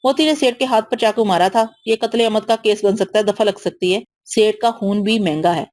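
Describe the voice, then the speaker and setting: A woman reading an audio novel aloud as narrator, keeping one steady voice for all the characters. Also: mid-range voice, moderate pace, no room sound.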